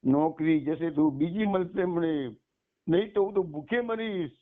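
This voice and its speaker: A man's voice: on the high side, a little slow, voice pushed up, lightly acted. A man doing a humble, devout old servant. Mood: earnest. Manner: pleading, then firm and respectful. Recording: tinny phone-like line.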